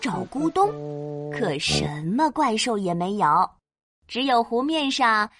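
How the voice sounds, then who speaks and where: A woman telling a children's story as a mother, playful and animated, with sound words. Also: fairly high pitch, slow pace, no room sound, studio quality. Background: children's background music.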